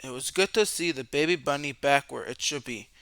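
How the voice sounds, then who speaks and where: A male storyteller reads a children's book aloud at medium pitch with a clean tone. Expressive narration, dramatic questions and long, drawn-out words keep it lively for young listeners, and the recording is dry.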